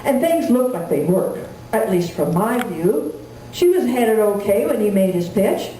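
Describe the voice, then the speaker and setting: A woman recites cowboy poetry to a live audience in a folksy, storytelling way, in rhymed and measured verse. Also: medium pitch, big pitch swings, warm tone. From rural Wyoming, United States. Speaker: cowboy poet. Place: indoor room at a live gathering. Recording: echoey room, distant mic, faint noise.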